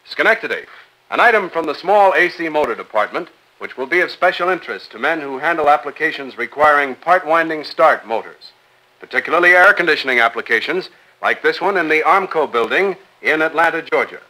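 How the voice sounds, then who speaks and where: A man co-announcing a 1950s company newsreel, reading news items in a brisk, upbeat announcing manner. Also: fairly high pitch, lively intonation, sharp tone, low-quality recording.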